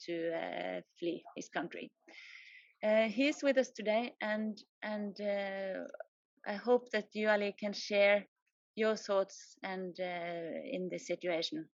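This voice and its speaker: A woman's voice: medium pitch, no echo. A woman moderator introduces the next guest, repeating words as she goes. Her audio is dry and muffled. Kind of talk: introducing speakers.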